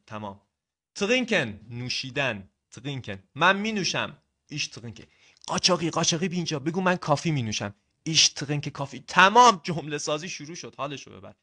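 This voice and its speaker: Bright-voiced energetic male language teacher. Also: fairly high pitch. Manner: energetic, coaxing, talks straight to the learner. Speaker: German teacher. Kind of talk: casual video language lesson.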